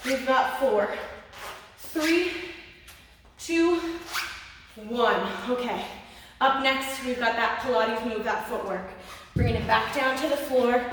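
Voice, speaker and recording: A fairly high-voiced woman fitness instructor, cheering on her class while counting down each exercise. She sounds a bit winded, and her voice rings through a very echoey room, some distance from the microphone. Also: unhurried, a bit bright, slight background noise. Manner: encouraging, cueing each move step by step. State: a little out of breath.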